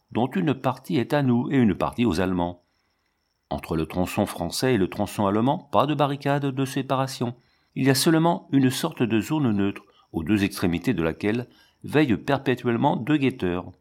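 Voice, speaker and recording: A man reading a novel aloud in measured, steady audiobook narration. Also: mid-range voice. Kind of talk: scripted literary narration.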